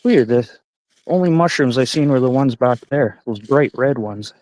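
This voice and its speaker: A man's voice: mid-range voice, lively intonation, moderate pace, a little mellow, no echo, low-quality recording. Rambling profane man in his forties. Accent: Canadian. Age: 40s. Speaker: streamer. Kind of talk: casual live-stream chat while hiking. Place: outdoors on a forest trail.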